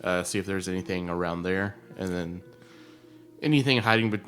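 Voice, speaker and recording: A low-voiced man playing a tabletop game, talking casually and stumbling through restarts as he works out his moves. Soft fantasy music plays quietly behind him. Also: moderate pace. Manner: hesitant, restarts his sentences. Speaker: player.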